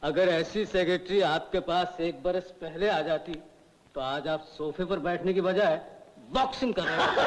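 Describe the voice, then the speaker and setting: A cheerful family doctor who talks slowly and jokes. His voice is fairly high. It is heard on an old film soundtrack with a long reverb. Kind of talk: 1970s Hindi film acting.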